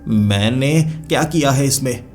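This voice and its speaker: A man narrating a horror story who voices a sly middle-aged male vampire lord with a calm, questioning, slightly mocking manner. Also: mid-range voice, a little slow, faint music behind, pitched above the performer's own voice, lightly acted.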